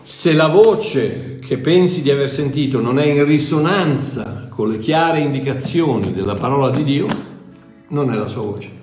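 A man's voice: on the high side, darkish tone. Echoey older man preaching informally. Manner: emphatic repetition, self-correcting, conversational. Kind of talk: informal sermon, teaching directly to listeners.

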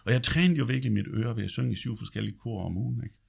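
A gravelly bass voice with a breathy edge belongs to a man casually chatting through his life story. He swears now and then and tags his sentences with quick check-ins.

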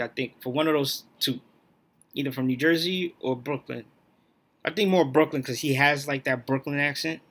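A man's voice: mid-range voice, fairly bright tone, husky. A man hosting his own podcast, talking alone in a blunt, profane, opinionated rant. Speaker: podcast host.

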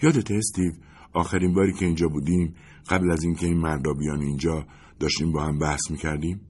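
A man's voice: rumbling low, fairly even intonation, breathy edge. A man voicing a chatty, curious young woman in a storybook reading, earnest and prodding. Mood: questioning. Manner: earnest and prodding, softening to a whisper when sneaking.

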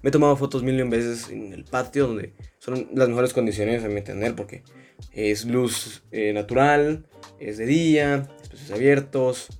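A man's voice: mid-range voice, fairly even intonation, moderate pace, darkish tone, faint music behind. A young man hosting a podcast as a rambling, self-mocking casual monologue full of crude slang. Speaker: podcast host.

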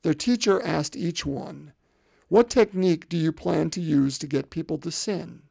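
A fifty-something pastor gives a sermon at a slightly slow pace, his fairly high voice heavily gravelled yet a little mellow. Conversational in style, he repeats words often and throws rhetorical questions at the congregation. The recording is close and dry, without echo.

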